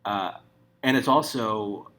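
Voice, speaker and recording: A man's voice: lowish voice, takes it slowly, a bit bright. A man giving casual, rambling political commentary, swearing often and restarting his sentences. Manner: profane, rambling, many restarts.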